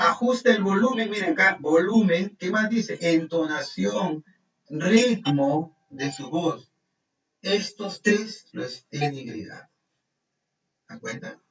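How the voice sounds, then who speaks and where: A man's voice: on the high side, fairly bright tone. A man teaching a workshop, explaining step by step, reading criteria aloud and often asking listeners to confirm. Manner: explains step by step, frequent tag questions, reads criteria aloud. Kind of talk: live online workshop instruction. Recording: roomy, distant, dull sound with faint music.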